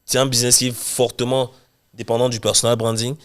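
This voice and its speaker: A young man from Cameroon, a guest chatting casually in an interview, talking in quick run-on restarts. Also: mid-range voice, level tone. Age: young adult. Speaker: guest, real estate investor and coach.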